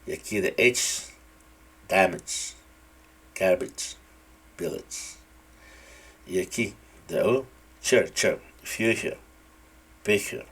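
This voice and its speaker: A man gives a casual English pronunciation lesson in a low, husky voice. He speaks slowly and repeats each example word carefully. His tone stays relaxed throughout. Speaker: English teacher.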